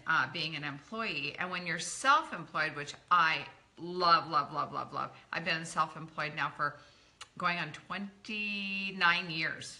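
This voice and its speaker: Leading a live training, this middle-aged woman coaches network marketing in an upbeat, chatty way, calling out viewers by name. She has a low-pitched, bright, pushed voice that's gone slightly croaky from all the talking.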